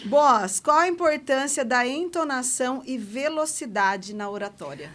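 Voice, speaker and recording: A woman's voice: high-pitched, animated, measured pace, fairly bright tone. A woman co-hosting a casual podcast, talking in a playful, chatty way. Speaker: podcast co-host.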